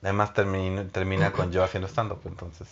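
A man's voice: low voice, level tone, fairly quick, highs cut off, a little hiss or hum. A man, a stand-up comedian co-hosting a casual podcast, dropping dry jokes. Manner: dry, joking interjections. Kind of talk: casual chat.

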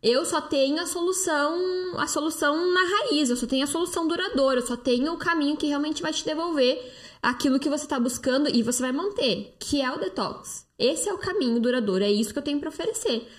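A Brazilian woman with a high voice speaks into a phone held close during a live stream. She talks in a chatty, persuasive way, answering viewer comments and sprinkling her speech with fillers. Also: a little fast. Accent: Brazilian Portuguese. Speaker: live-stream host, detox coach.

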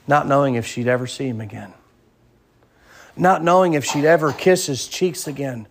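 A man's voice: mid-range voice, normal speed, gravelly. A male pastor preaching a sermon, telling a story vividly and asking rhetorical questions of the congregation. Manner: vivid storytelling, acts out voices.

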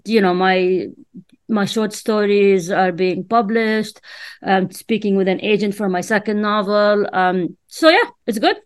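A woman's voice: mid-range voice, clean tone, dry recording. Woman from jordan, arabic first language, talks in stops and starts with lots of ums, dry sound. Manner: hesitant, many fillers and restarts. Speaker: author and writer, interview guest. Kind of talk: casual interview answers.

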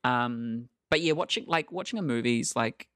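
A young man chatting excitedly about shows, full of fillers and swearing. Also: mid-range voice, normal speed, no room sound, studio quality. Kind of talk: casual chat.

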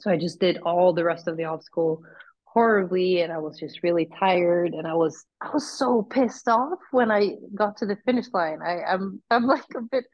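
A young woman, a guest athlete chatting casually and telling an animated story with acted-out dialogue. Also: lowish voice, normal speed, muffled recording. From Sweden. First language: Swedish. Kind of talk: casual chat.

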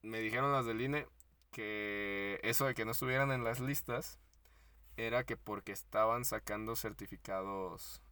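A man with a Mexican accent co-hosting a podcast, retelling a story in slangy, animated casual chat and acting out the quotes. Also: lowish voice, normal speed, clean tone. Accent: Mexican Spanish. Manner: frequent laughs and fillers like "este". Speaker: podcast co-host.

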